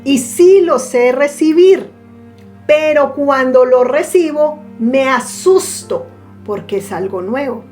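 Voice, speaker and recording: A woman with a high voice gives a spiritual talk at an unhurried pace and draws out the words she wants to land. Soft music plays faintly underneath. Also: animated. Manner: slow, deliberate, stretches key words for emphasis. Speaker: spiritual teacher. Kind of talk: reflective teaching monologue.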